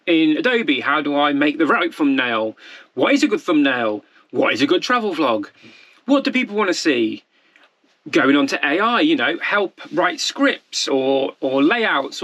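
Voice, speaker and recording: A British vlogger in his forties talks off the cuff to camera, candid, rambling and self-deprecating. His voice is a little high and a bit bright.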